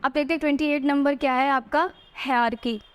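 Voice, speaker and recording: Woman teacher, high voice, coaching exam spelling with frequent check-ins. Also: fairly even intonation. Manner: spells words out letter by letter, slowly. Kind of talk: exam-prep spelling lesson.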